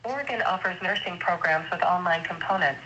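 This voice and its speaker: Briskly and evenly, a woman with a lowish voice handles an automated call menu and its answers. The scripted, formal phone-assistant delivery comes through a dull line carrying a faint hiss.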